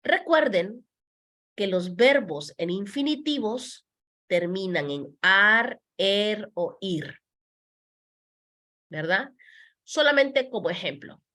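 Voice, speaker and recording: A woman gives a beginner grammar lesson at an unhurried pace. Her voice moves animatedly up and down as she stresses key words. She repeats examples patiently and slips into English to explain. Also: mid-range voice, animated, sharp tone. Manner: switches between Spanish and English, patient, repeats words slowly. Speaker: Spanish teacher. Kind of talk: slow explanatory language lesson.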